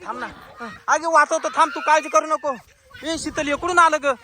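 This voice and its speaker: A man, playing an excitable village husband in an amateur comedy skit, shouting and repeating words quickly. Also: extremely high pitch, crowd noise. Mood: panicked. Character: jumpy rural farmer husband, loud and excitable. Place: outdoors in farm fields.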